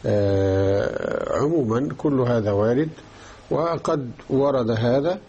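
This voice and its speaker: A man gives a religious lesson, stopping often to ask whether his listeners are following. His voice is husky and warm, with a mellow tone. He teaches patiently and explains step by step. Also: mid-range voice, slow pace, dull audio. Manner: explanatory, checks understanding with repeated questions. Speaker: teacher of Islamic jurisprudence.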